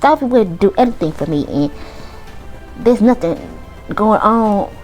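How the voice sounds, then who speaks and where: A woman putting on a teenage football player with a mock Southern drawl, casual and evasive, backpedaling through every answer. The voice sits at a middling pitch. Soft music plays under it in a game recording. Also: expressive, measured pace, lightly acted. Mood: defensive.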